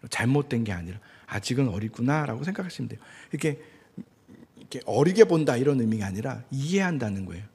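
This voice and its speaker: Animated husky-voiced male pastor preaching. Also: medium pitch, fast talker. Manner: animated, acts out quoted speech. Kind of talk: sermon. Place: church sanctuary. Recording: church hall reverb.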